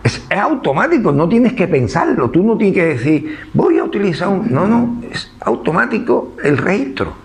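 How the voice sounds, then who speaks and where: A man's voice: high-pitched, very animated, normal speed, hardly any pauses. A man with an Andalusian accent giving an informal public talk, conversational and full of rhetorical questions. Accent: Andalusian Spanish. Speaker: speaker at a book presentation.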